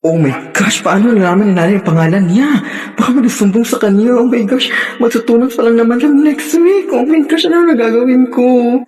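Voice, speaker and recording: A woman's voice: a little high, brisk, mellow, close to an everyday voice. A woman voicing an anxious young daughter talking to herself in worried inner monologue. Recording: roomy echo with long reverb.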